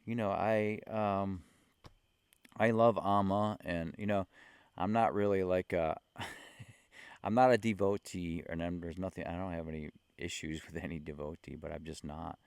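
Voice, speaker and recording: A man talking slowly and earnestly about spiritual experiences into a handheld mic, with many fillers and soft laughs. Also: deep voice, fairly even intonation, vocal fry, clear, resonant tone, no room sound, studio quality. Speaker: spiritual vlogger. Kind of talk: casual spiritual talk to camera.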